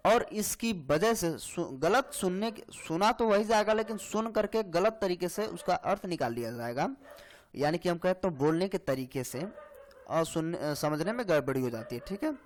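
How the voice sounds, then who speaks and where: Male tutor with a high voice, for an exam-prep grammar lesson; slow, repetitive, keeps checking the student follows. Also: lively intonation. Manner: explains slowly, repeats lines, frequent "hai na" and "theek hai". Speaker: Hindi grammar teacher.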